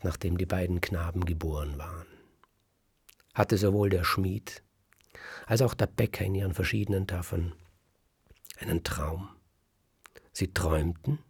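Male folk-tale teller, dramatic and lively, deep gravelly voice with a husky grain. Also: dry recording. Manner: lively, dramatic, drops to a whisper for suspense. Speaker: storyteller. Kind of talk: oral folk-tale storytelling.

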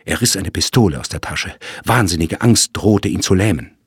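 Deep, very husky male narrator. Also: moderate pace, dry recording, clean studio sound. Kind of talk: audiobook narration of a crime story.

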